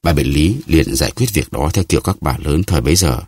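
A man reading a novel aloud as an audiobook narrator, in an even storytelling delivery. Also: a bass voice, brisk, breathy edge, no echo, clean studio sound.

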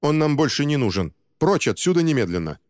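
A man voicing a fierce, commanding woman officer who shouts sharp orders, in an audiobook. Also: fairly high pitch, sing-song, fairly quick, long reverb tail, pitched above the performer's own voice. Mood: cold commanding.

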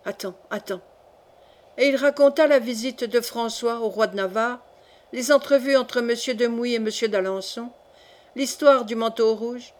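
A woman narrating a classic novel audiobook in a measured, expressive way. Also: fairly high pitch.

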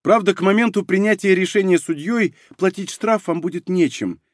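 A man's voice: sits high, fairly quick, dry recording, clean studio sound, voice pushed up, close to an everyday voice. A man voicing a shrewd, sarcastic young woman mage who haggles hard, in an audiobook. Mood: haggling.

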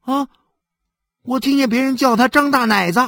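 A chirpy eight-year-old boy, as a male storyteller does him, pitched high and bouncing with eagerness. He chats along like a little gossip, with a dry, close sound. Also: lively intonation, unhurried, no echo, exaggerated voice. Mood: eager.

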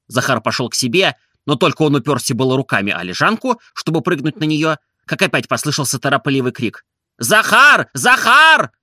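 A male narrator reads a classic novel with an expressive, measured delivery. His voice is bright and lively, and its pitch moves a lot. The recording is dry and close. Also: dry recording. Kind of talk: audiobook reading of a classic novel.

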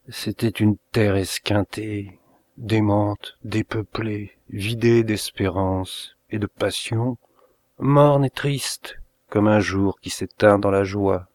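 A man reading a grim first-person short story aloud in a measured, dramatic way. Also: fairly low pitch, a little mellow, dry recording. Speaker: reader of short stories. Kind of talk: first-person literary narration.

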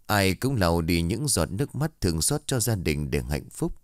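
A man narrates a horror story in a steady, measured way. His voice sits very low. The recording is dry, with no room sound. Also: no room sound. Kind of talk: scripted narration of a horror tale.

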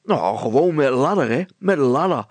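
A man's voice: lively intonation, normal speed, dry recording. A man voicing a naive, chatty young girl who rambles and hesitates, in a storybook reading. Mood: eager. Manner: hesitant, rambling, loud and high.

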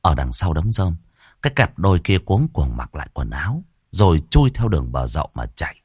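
A man narrating a comic ghost story in an expressive way. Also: deep voice, a little fast, slightly rough, dry recording, studio quality.

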